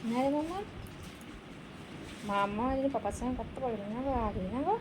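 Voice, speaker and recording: A woman's voice: a little high, animated, fairly quick, background noise. A mother talking sing-song baby talk to her baby while filming at home.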